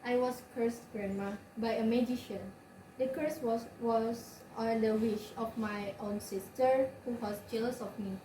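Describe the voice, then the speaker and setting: A young woman with an Indonesian accent playing a gentle, humble young princess in a school drama. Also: fairly high pitch, steady tone, a little slow, lightly acted. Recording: echoey room, distant mic, noisy.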